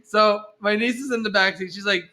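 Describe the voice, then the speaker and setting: A man's voice: high-pitched, steady tone, fairly quick, crowd noise. A young man telling a funny story in a casual podcast chat, laughing as he goes. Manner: laughs while telling stories. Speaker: podcast co-host.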